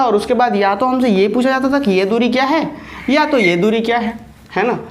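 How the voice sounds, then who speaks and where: In her online maths lecture, a woman with a Jharkhand Hindi accent works through each step and keeps making sure her students are following along. She speaks in a slightly high voice with a darkish tone.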